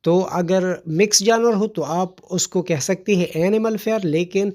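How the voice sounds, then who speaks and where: A man's voice: high voice, a little mellow. A man giving a vocabulary lesson, explaining words patiently, spelling them out letter by letter and repeating them. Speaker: vocabulary teacher.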